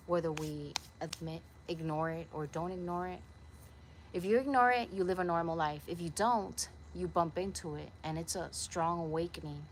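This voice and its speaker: In her backyard, a young Puerto Rican vlogger rambles to a camera set up nearby, earnest and a bit preachy. Her voice is low-pitched, with slight background noise in the recording.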